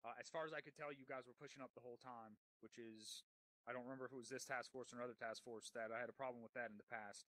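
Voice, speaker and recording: A man's voice: medium pitch, steady tone, rapid-fire, fairly bright tone, no echo, low-quality recording. A man leading a military-roleplay debrief as unit commander, speaking bluntly and swearing heavily over game voice chat.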